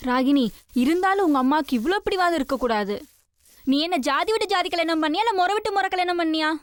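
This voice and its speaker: An actress playing a sympathetic young woman and close confidante in a Tamil Nadu Tamil television serial, talking quickly. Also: extremely high pitch, animated, no room sound. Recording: faint music score behind.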